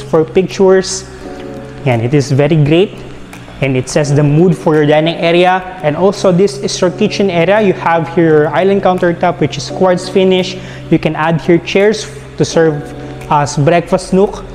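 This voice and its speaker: A man with a Filipino accent walking through a house for sale, listing its features in a chatty guided-tour way. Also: a little high. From Philippines. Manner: walking while narrating, listing features with frequent "yan" and "no" tags. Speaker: real estate tour guide. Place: large empty house, indoors. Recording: echoey rooms with soft background music.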